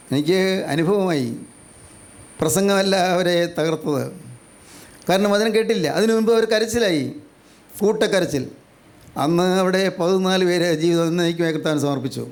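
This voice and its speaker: An older man from Kerala preaching a sermon, slow and deliberate, repeating phrases emphatically and asking rhetorical questions. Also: high-pitched.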